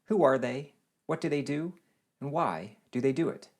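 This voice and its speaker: A man reading a scripted series introduction in a measured, deliberate way. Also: mid-range voice, animated, darkish tone. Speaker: series host.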